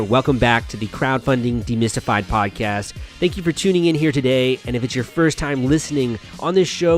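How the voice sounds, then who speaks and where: Chatty young male podcast host. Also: medium pitch. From United States. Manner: friendly, chatty, with frequent restarts. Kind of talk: casual podcast monologue.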